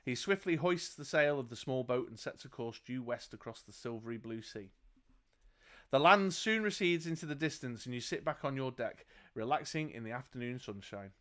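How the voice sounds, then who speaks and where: A man's voice: medium pitch, animated, normal speed, fairly bright tone. A man reading a fantasy gamebook aloud as game master, laughing and joking between passages. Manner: laughs often, jokes between read passages.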